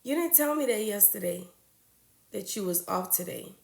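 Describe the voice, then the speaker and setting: Chatty woman with a gravelly voice. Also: medium pitch, animated, normal speed, roomy sound. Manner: chatty, greets viewers by name. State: congested from a cold. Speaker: registered nurse hosting a livestream. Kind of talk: casual livestream chat.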